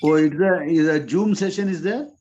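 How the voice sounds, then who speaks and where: A man's voice: fairly high pitch, normal speed, mellow, lo-fi sound, slight background noise. A man from Bangalore with an Indian accent, talking casually as a participant in an online group call. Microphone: video call.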